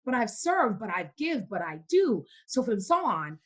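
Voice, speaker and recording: A woman's voice: a little high, very animated, normal speed, fairly bright tone, slightly rough. A young woman from Cameroon, a podcast guest in casual faith-based conversation, who speaks emphatically and repeats words for stress.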